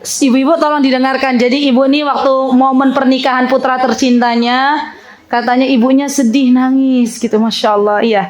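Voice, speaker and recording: A middle-aged woman with a lilt leads a religious class for women. Her voice sits high, and she keeps it lively, teasing and full of laughter as she questions the crowd. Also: normal speed, rough recording. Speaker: female religious teacher. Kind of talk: interactive religious talk with audience.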